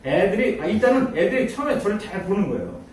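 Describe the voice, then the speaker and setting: A man pastor giving a storytelling lecture, animated and often laughing as he acts out scenes. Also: high voice, quick pace, crowd noise. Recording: echoey hall from far off, faint noise.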